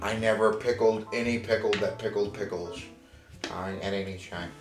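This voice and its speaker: A man's voice: fairly low pitch, fairly even intonation, moderate pace, natural voice. A man playing a stammering flustered guy. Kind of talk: improv comedy. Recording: echoey room, far from mic, music.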